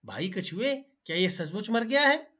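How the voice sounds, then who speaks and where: A man's voice: high voice, sing-song, bright, forceful tone, voice pushed up, full character voice. A man voicing a cunning male jackal in a school storybook reading, talking in a wary, sly way. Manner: wary, sly, quick to cover himself.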